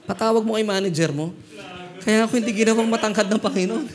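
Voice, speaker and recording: A man's voice: high voice, fast talker. A middle-aged Filipino man preaching a church sermon, telling funny stories as he switches between Tagalog and English. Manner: humorous storytelling, mixing Tagalog and English. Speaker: pastor. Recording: music playing behind the voice. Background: guitar music.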